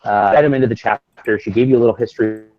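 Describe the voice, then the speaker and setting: A man chatting over a video call whose audio keeps breaking up and dropping out. His lowish voice comes through dull and lo-fi, with a dry, close sound. He talks haltingly and starts over often. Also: fairly even intonation, no echo. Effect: choppy, dropping call audio breaking up. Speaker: author guest on a livestream. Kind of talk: casual chat.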